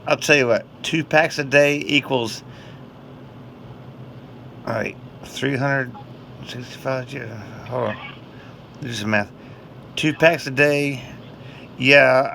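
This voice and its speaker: Guy rambling on a phone call, dodgy answers, bright voice, bit of noise behind him. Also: mid-range voice, gravelly. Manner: rambling, evasive, playing along with odd answers. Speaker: prank caller baiting telemarketers. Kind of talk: casual phone chat.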